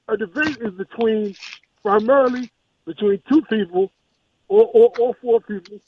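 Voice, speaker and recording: A man's voice: sits high, normal speed, husky. A male caller on a call-in radio show talks with passion and stumbles over repeated words. His voice sounds muffled, as if through a wall, and fades in and out. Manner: impassioned, stammering repetitions. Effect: muffled voice, as if through a wall, fading in and out. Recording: tinny phone line.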